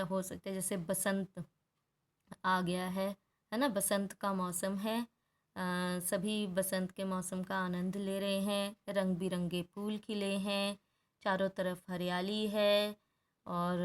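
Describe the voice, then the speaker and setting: A woman teacher patiently working through a Hindi grammar workbook, explaining each answer step by step and checking in with students. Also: mid-range voice. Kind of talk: workbook lesson walkthrough.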